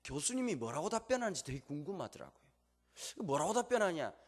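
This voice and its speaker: A man with a Gyeongsang accent preaching a sermon, telling humorous stories in a lively way. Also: on the high side, fast, big-room sound. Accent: Gyeongsang Korean. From Gyeongsang, Korea. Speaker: pastor. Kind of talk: sermon with storytelling.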